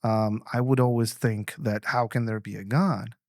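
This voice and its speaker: A man's voice: fairly low pitch, steady tone, normal speed, no echo, clean studio sound. A man hosting a podcast in a casual, rambling way, restarting often and swearing freely. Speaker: podcast host. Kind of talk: casual conversation.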